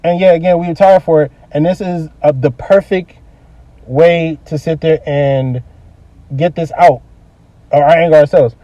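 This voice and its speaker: A man's voice: a little high, fairly even intonation, normal speed, warm tone, dry recording, recorded from a distance, highs cut off. A man co-hosting a podcast, talking in an angry, blunt and profane way. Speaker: podcast co-host. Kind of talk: casual heated podcast talk.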